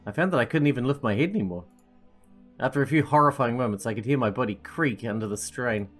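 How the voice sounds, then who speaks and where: A woman doing a let's play, reading game narration aloud and adding casual commentary. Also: rumbling low.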